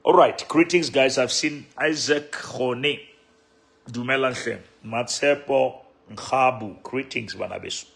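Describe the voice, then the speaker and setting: A man with a Sotho accent casually greeting livestream viewers as a church leader, unhurried and often repeating his phrases. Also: mid-range voice, gravelly, a bit bright, husky. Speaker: bishop, live stream host.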